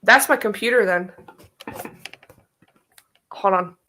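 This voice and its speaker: A woman's voice: medium pitch, slow, sharp tone, a little hiss or hum. A woman co-hosting a casual podcast chat over a computer mic, her voice coming through with a glitchy robotic-sounding distortion. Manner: apologetic, chatty, says "like" often. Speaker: podcast co-host. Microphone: computer USB mic on a remote call.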